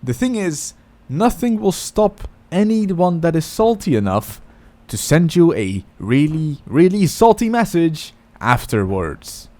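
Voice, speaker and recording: A man's voice: a little high, very animated, takes it slowly, darkish tone. A man commentating over his own gameplay in a casual, rambling way, often stopping to correct himself. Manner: rambling, self-correcting, chatty.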